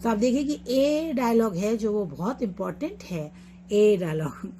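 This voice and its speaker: Woman teaching spelling, slow and patient. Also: mid-range voice, expressive, mellow, slight background noise. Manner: explains patiently, repeats example words slowly. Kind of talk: online lesson mixing Hindi and English.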